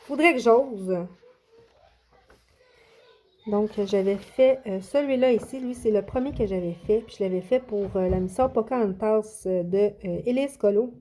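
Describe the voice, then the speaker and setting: Showing and telling about her coloring books, a Québécois French-accented YouTuber from Quebec speaks at normal speed in a mid-range, dark-toned voice with few pauses. Her casual chat is hesitant, full of fillers and restarts, over a faint hiss or hum.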